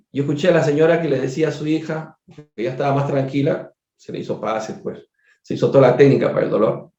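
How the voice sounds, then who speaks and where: A doctor telling a case story during a spiritist book study, conversational and digressive, repeating words and turning to his listeners with quick asides. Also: medium pitch, dark tone. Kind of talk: storytelling lecture. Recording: echoey room, dull lo-fi sound.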